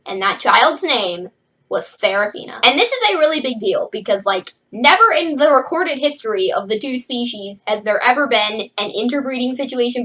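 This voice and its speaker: A young woman reviewing a fantasy novel in a chatty, animated way, full of asides and "like"s. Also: on the high side, low-quality recording. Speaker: book reviewer. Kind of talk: casual book review vlog.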